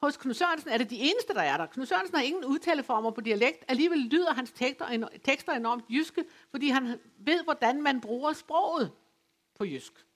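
A woman from West Funen giving an academic lecture, speaking in a measured, explanatory way with occasional hesitations. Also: high voice, expressive. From West Funen, Denmark. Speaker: lecturer on dialect literature. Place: folk high school lecture venue.

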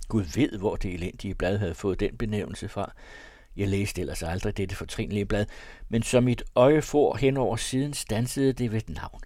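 A man reading a classic novel aloud in a measured, old-fashioned storytelling manner. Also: lowish voice, a little mellow, dry recording, clean studio sound. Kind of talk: scripted narration.

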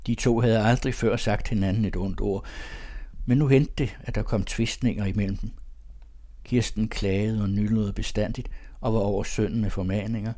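A man reading a literary story aloud as narrator, in calm, measured storytelling. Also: on the low side.

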